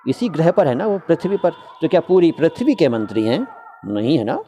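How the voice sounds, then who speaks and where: Mellow-voiced man teaching Hindi usage. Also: a little high, sing-song, normal speed, slight background noise. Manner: conversational, repeats words to model pronunciation. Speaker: Hindi-Urdu language teacher. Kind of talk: casual spoken lesson on usage.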